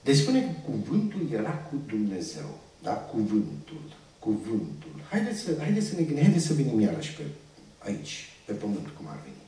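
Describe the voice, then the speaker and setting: A man's voice: mid-range voice, wildly swooping pitch, warm tone. A man preaching a sermon, teaching by asking his congregation questions and answering them himself. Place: church hall. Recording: echoey church room, distant mic.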